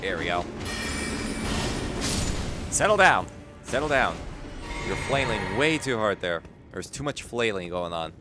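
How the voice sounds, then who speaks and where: A man chatting excitedly as a game livestreamer, animated and often repeating his phrases. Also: deep voice, normal speed, music in the background. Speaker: live streamer. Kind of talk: excited gaming livestream chat.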